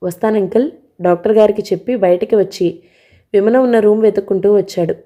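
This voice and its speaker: A woman reads a novel aloud at an even storytelling pace. Her voice is very dark and mellow, with a pitch in the middle range for a woman. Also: quick pace. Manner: steady storytelling reading. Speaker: audiobook narrator. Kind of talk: scripted narration.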